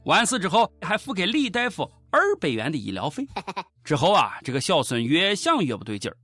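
A man's voice: fairly high pitch, wildly swooping pitch, a little fast, pushed and bright, slightly rough, no echo, soft background music. A man with a Shaanxi accent giving comic news commentary in a mocking, colloquial, sarcastic way. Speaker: host of a satirical news show.

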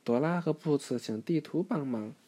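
Low, dark-toned woman reading a storybook to a child; gentle and patient. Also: moderate pace, slightly rough. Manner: gentle, patient, soft-spoken asides. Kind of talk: reading a picture book aloud.

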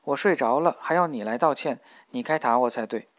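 A man voicing a tender, protective young man in an audiobook, speaking low and earnestly. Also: brisk, dry recording, lightly acted.

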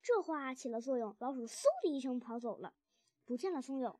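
Female storyteller, expressive, high voice, dry close sound. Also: a little fast, no echo. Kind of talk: children's storybook narration.

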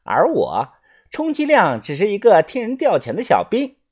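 A narrator voicing a tense, guarded young woman in an audiobook, brisk and quick to alarm. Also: mid-range voice, wildly swooping pitch, darkish tone, breathy edge. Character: Ah Chun, a tense young woman, sister-like protector. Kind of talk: audiobook character voice.

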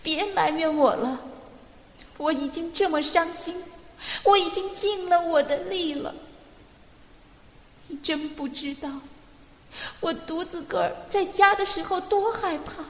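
A woman's voice: high voice, lively intonation, unhurried, voice pushed up. A woman voicing a timid young mother who pleads tearfully, in a storybook reading with long reverb. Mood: pleading. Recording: echoey room with long reverb.

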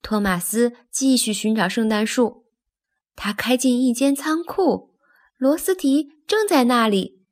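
A woman narrating a children's story in a lively, expressive way, speaking to young listeners. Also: fairly high pitch, a little slow.

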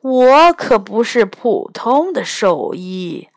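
Storybook elder: woman doing a slow, boastful, stingy old man, lower and drawn out. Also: very animated, no room sound, clean studio sound, exaggerated voice. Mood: proud.

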